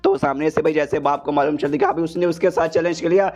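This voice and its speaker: A man's voice: a little high, quick pace, darkish tone, faint music behind. A man narrating a comic story recap in a casual, joking, slangy way, constantly calling the listener "brother". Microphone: voice-over.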